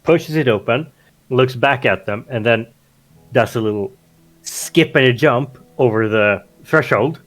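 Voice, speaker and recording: A man's voice: mid-range voice, unhurried, faint music behind. A man speaking in character in a tabletop role-play game and narrating his character's actions, with many restarts and fillers.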